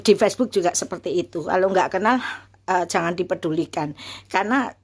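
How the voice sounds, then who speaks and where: A woman's voice: on the low side, a little fast, husky. A woman in her fifties, a university lecturer, telling a personal story casually and earnestly, with many fillers and restarts.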